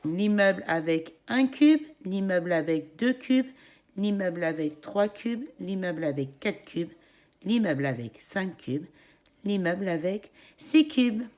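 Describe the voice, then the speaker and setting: A woman's voice: fairly low pitch, lively intonation, a little slow, a little mellow. A woman teaching young children like a kids show host, leading a counting game in an encouraging, singsong, didactic way. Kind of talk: educational demonstration addressed to young children.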